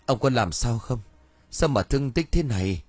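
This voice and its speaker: A worried middle-aged mother pleads through her tears, read by a male narrator. Her voice is a little husky and rises and falls widely. It is an audiobook story reading with dry sound. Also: medium pitch, expressive, normal speed, no echo. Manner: tearful, pleading.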